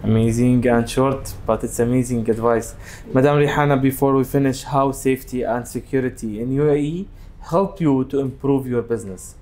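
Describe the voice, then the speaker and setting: A man's voice: mid-range voice, steady tone, mellow, a little hiss or hum. A man hosting a TV business interview, asking questions in English and praising each answer with enthusiasm. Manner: upbeat, repeats "amazing", fast formal Arabic intros. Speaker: show host, interviewer.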